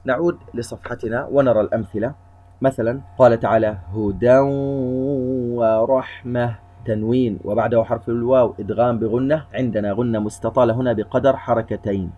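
A man's voice: mid-range voice, fairly even intonation, fast. A man giving a tajweed lesson, explaining recitation rules methodically and point by point. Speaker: Quran recitation teacher. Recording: dull lo-fi recording.

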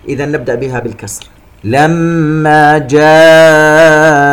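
A man teaching Quran recitation rules, chanting verses slowly and then explaining each rule in a quicker, plain voice. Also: medium pitch.

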